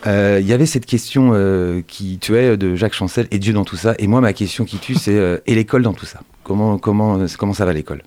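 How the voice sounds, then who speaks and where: A man's voice: on the low side, fairly quick, few pauses, dark tone. A man hosting an interview, asking meandering questions full of fillers and hesitations. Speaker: interviewer host.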